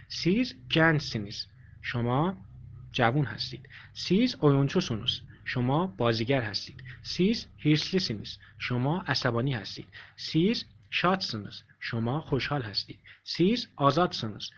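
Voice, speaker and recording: A man teaching a language lesson, explaining patiently and repeating each example sentence with many pauses. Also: fairly high pitch. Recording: dull lo-fi recording.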